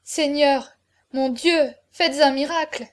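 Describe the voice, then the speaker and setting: A woman's voice: sits high, fairly even intonation, unhurried, mellow. Woman reading a pleading aristocratic mother. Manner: pleading cries. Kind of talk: audiobook character reading.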